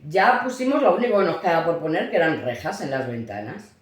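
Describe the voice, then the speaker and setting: Animated Spanish woman telling a story. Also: low-pitched, fast talker, very echoey. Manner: animated, acts out quoted voices, frequent restarts. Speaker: mother of the host, guest. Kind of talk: casual storytelling.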